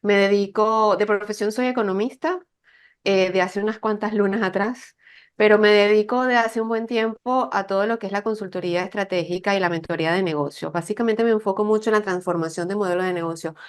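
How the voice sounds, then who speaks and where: A woman's voice: mid-range voice, steady tone, brisk, clear, resonant tone. A middle-aged woman with a Venezuelan accent, a guest consultant explaining her work in an interview, often checking in with "¿no?" and "¿sí?". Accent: Venezuelan Spanish. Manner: explanatory, with frequent "¿no?" and "¿sí?" tags. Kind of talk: conversational interview.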